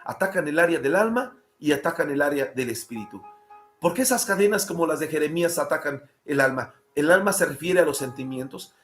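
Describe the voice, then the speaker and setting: A Mexican man preaches a sermon, his voice pitched high. He acts out pleading prayers and hammers on repeated lines. The sound rings around a roomy church hall. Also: a bit bright. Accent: Mexican Spanish. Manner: preaching with dramatized pleas and repeated refrains. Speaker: pastor.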